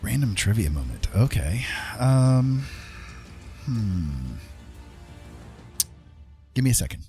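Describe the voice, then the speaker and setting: A livestream host and digital artist chats in an easygoing, rambling, jokey way, with music playing in the background. His voice is fairly low and dark, very animated yet slow, with frequent pauses.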